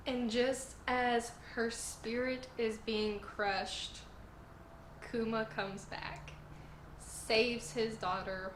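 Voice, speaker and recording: An earnest woman with a sore throat, her voice strained, hosts a channel reviewing manga chapters in a casual video. She's emotional and gushing, with a slightly high voice. The low-quality recording is reverberant, with a little hiss or hum.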